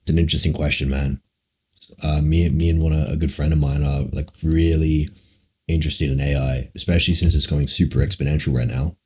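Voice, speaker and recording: Very deep-voiced young man streaming. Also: little pitch movement, fairly quick, darkish tone, slightly rough. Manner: rambling, profane, full of "like" and "man". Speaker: livestreamer. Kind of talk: casual livestream Q&A answering chat.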